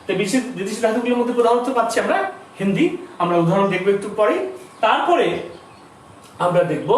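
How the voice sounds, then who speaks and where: A middle-aged man teaches a school grammar lesson in a high, very lively voice, repeating each term and putting questions to the class. He sounds far from the mic in a strongly echoing room with faint background noise. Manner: explains slowly, repeats terms, asks students questions.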